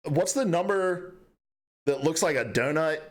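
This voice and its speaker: A man's voice: on the high side, lively intonation, measured pace. A man hosting a casual gaming podcast, running a quiz segment with joking game-show patter. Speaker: podcast host.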